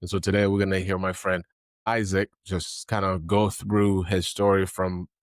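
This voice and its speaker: Deep-voiced earnest man hosting a podcast. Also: flat delivery, normal speed, no room sound, studio quality. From Haiti. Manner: earnest, encouraging, many fillers. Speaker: podcast host. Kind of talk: interview podcast.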